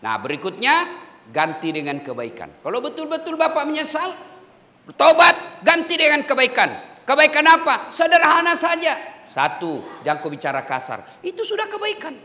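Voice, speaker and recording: A middle-aged man preaching a humorous sermon to prison inmates in Makassar-accented Indonesian, swinging between loud exhortation and low asides and acting out quoted voices. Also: sing-song, normal speed. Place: large hall in a prison. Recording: echoey hall.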